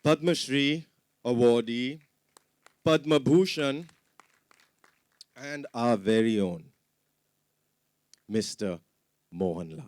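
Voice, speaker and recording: A man's voice: mid-range voice, slow, pauses often, a little mellow, no room sound. A man hosting a launch event from the stage, announcing with showy, theatrical emphasis. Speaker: event host.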